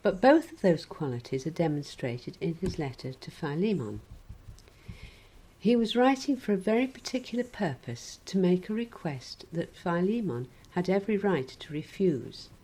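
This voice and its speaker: A woman preaching a sermon in a measured, gently wry reflective way. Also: fairly low pitch, very animated, husky, poor audio.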